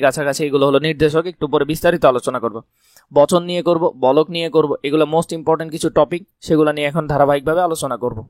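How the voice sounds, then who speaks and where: A male teacher with a voice worn hoarse, pitched slightly high. He runs an exam-prep grammar lesson, firing quick questions and answering them himself. The recording is close and dry. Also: darkish tone, dry recording. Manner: repeats key points as quick questions and answers.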